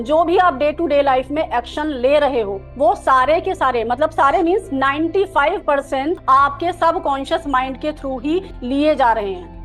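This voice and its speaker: High-voiced woman coaching a workshop. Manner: coaxing and instructive, mixing English terms into Hindi; guides a slow breathing exercise. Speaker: NLP coach leading a workshop. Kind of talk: live online workshop teaching.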